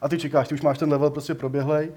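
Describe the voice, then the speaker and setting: A man's voice: fairly high pitch, flat delivery, darkish tone, husky. A man co-hosting a casual gaming podcast, talking in long rambling stretches full of fillers. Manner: rambling, heavy use of fillers. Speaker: podcast co-host. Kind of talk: casual chat about video games.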